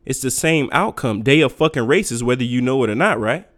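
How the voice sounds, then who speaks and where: A man's voice: mid-range voice, lively intonation, fairly quick, fairly bright tone. Profane ranting man with a swooping voice. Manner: profane, blunt, lecturing. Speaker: podcast host. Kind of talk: unfiltered solo rant.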